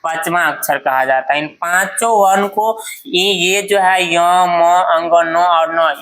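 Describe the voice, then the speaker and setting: A woman's voice: lowish voice, pushed and bright, rough recording. A woman teacher giving a grammar lesson, repeatedly asking a question and answering it herself. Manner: drills by asking and answering her own questions.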